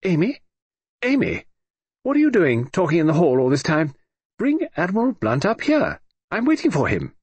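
A man reading an audiobook, voicing an imperious, deaf old aristocratic lady with crisp, commanding upper-class speech. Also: a little high, huge pitch swings, moderate pace, dry recording, voice pushed up, exaggerated voice.

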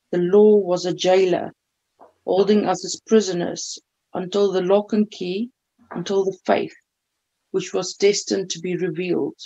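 Middle-aged woman, gravelly voice, reading scripture aloud, dull lo-fi video call audio. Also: fairly low pitch, warm tone. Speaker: bible study participant. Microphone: webcam on a video call.

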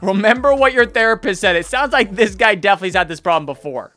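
A man's voice: sits high, lively intonation, fast, bright, forceful tone. A man gives casual, exclaiming, incredulous reaction commentary full of slang, close on the mic. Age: 20s. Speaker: reaction video host. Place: small indoor home studio. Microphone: close boom-arm microphone.

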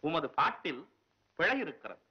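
A stern old scholar-poet. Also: male voice, a little high, big pitch swings, slightly rough. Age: older. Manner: formal, measured, reproachful. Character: stern, proud elderly male scholar-poet. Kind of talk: 1960s film acting. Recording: dull old film soundtrack.

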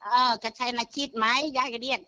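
A woman's voice: on the high side, steady tone, fairly quick, pushed and bright, no echo, rough recording. An older woman chatting bluntly, swearing freely and repeating herself as she tells of a call. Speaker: grandmother telling of a phone scam. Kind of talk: casual phone-style chat.

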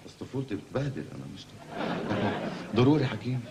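A man's voice: on the low side, sing-song, fairly quick. A Lebanese man acting a comic, rambling patient who suddenly finds himself married to two wives. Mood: fretful. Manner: rambling, exaggerated, comically flustered. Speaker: patient in a comedy series. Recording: loud background noise.

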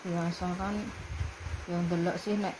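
A woman's voice: fairly low pitch, flat delivery, unhurried, heavy background noise. A woman with a Javanese accent chatting casually with her mouth full as she eats, recorded on a phone at home. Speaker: pet vlogger. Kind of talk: casual chat. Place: indoors at home, concrete floor. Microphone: handheld phone camera.

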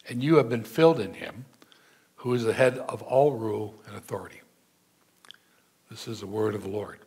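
Older husky-voiced man preaching. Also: medium pitch, darkish tone. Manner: measured preaching with scripture readings. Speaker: pastor. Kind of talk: sermon. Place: church sanctuary. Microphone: pulpit mic, seen from far camera.

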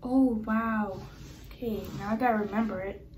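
A woman vlogging as she unboxes and sets up a new laptop, excitable and gasping, often dropping into whispered asides, recorded indoors by a camera on a tripod. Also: medium pitch, moderate pace, background noise. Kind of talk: unboxing vlog narration.

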